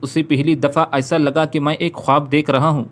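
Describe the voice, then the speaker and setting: A man with a fairly high voice narrating a sorrowful story. His delivery is dramatic and emotional, and he reads the characters' lines within the narration without changing his voice. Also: level tone.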